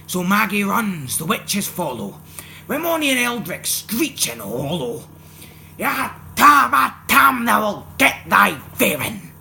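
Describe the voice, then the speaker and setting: A Scottish man performs a Scots narrative poem as a dramatic recitation, his delivery theatrical and expressive, shifting from hushed tones to loud ones. His pitch ranges widely, he takes his time, and there is clear background noise in the recording.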